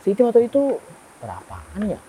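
A man's voice: high voice, brisk, crowd noise, rough recording. A young man telling a horror story in casual conversation, acting out the dialogue as he goes. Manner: animated, acts out quoted dialogue. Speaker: guest storyteller.

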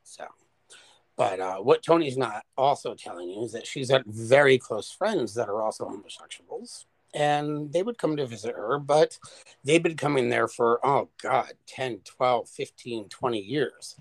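A man co-hosting a podcast in casual chat, animated and profane, telling stories with big exaggeration. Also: medium pitch, a little slow, dry recording. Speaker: podcast co-host.

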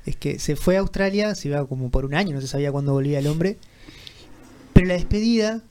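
A male co-host who speaks rapidly at a somewhat raised pitch. He cuts in eagerly with teasing asides in casual podcast chat. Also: mellow.

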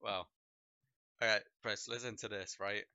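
A young Polish man, a native Polish speaker, chats loosely on his livestream in a lowish voice at a measured pace. He's a streamer and podcast host, relaxed and rambling, leaning heavily on fillers like "like" and "bro." The recording is dry, with the dull lo-fi sound of a home mic.

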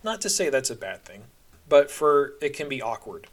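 His mid-range voice has a sing-song lilt at normal speed as this podcast narrator recounts his own experiences. The delivery is candid and chatty, with a wry edge.

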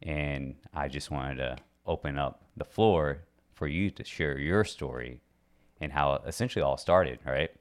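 A man hosting a casual interview, relaxed and affirming, often answering with a short yeah. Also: rumbling low, a little slow. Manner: relaxed, affirming with frequent yeahs. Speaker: host.

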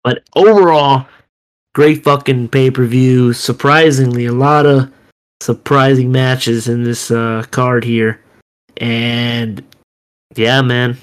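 Male podcast co-host, smooth voice, unhurried, casual and profane. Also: medium pitch, fairly even intonation. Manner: laid-back, swearing, filler-heavy. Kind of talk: casual wrestling podcast chat.

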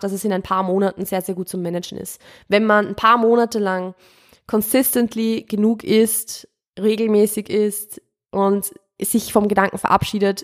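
Chatty young woman. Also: mid-range voice. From Austria. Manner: chatty, rambling, self-correcting, mixes in English words. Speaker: podcast host. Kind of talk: casual Q&A monologue.

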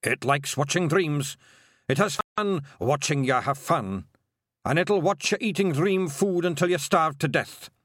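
A man's voice: on the high side, animated, a little slow, a bit bright, no echo, studio quality, pitched above the performer's own voice. A man voicing a boastful little male pixie chieftain with a Scottish accent. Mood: gruff.

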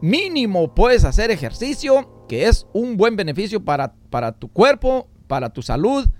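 Male host, casual motivational talk, animated pitch, folksy. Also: moderate pace, soft background music. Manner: rambling, folksy, many fillers.

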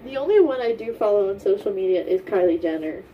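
A woman's voice: medium pitch, lively intonation, fast, dull audio. A young woman co-hosting a podcast in casual chat, speaking in an informal, matter-of-fact way. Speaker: podcast co-host. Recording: distant mic, faint background noise.

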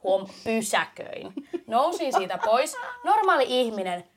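A young woman with a Finnish accent telling a funny story on a podcast, animated and laughing. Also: on the high side. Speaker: podcast co-host. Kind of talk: casual storytelling chat.

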